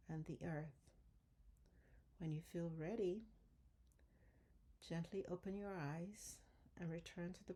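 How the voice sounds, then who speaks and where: A middle-aged woman from Ghana leads a webinar as a dentist and coach, in a low, mellow voice. She moves through her prepared material at a measured, deliberate pace. Her delivery stays steady and even from point to point. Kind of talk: scripted webinar presentation.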